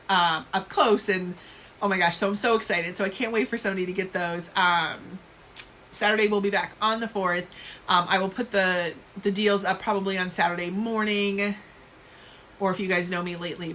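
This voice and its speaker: Jersey lady in her 30s rambling on a home live stream, bright voice, webcam mic. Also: medium pitch, a little hiss or hum. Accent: New Jersey. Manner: chatty, rambling, self-deprecating. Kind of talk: casual live-stream chat.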